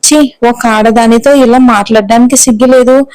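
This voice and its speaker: A woman voicing a proud young mother in a storybook reading, with sharp, scolding words. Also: fairly high pitch, steady tone, moderate pace, clean tone, no echo, natural voice, low-quality recording. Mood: indignant.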